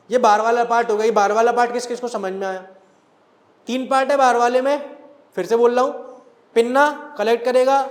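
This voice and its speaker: High-voiced male teacher in an echoey room. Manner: asks the class questions and answers them himself. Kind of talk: classroom lecture.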